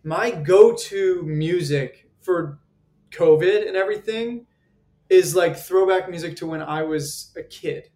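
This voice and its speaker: A singer in his twenties, appearing as a guest performer, chats casually in an interview with lots of fillers and laughter. His voice is high and dark in tone, and he speaks slowly.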